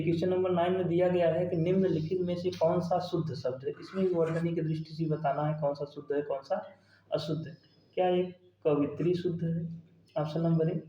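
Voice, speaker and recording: A man's voice: fairly high pitch, dark tone. A man, teaching grammar for an exam-prep lesson, asking questions and then answering them step by step. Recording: dull, roomy sound.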